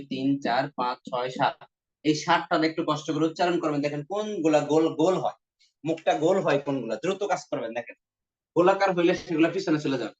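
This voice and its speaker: A man teaching an exam-prep grammar lesson with a Bangladeshi Bengali accent, repeating points and sounding out vowels for his students. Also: fairly high pitch. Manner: repetitive, coaxing, demonstrates vowel sounds aloud. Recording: dull lo-fi recording.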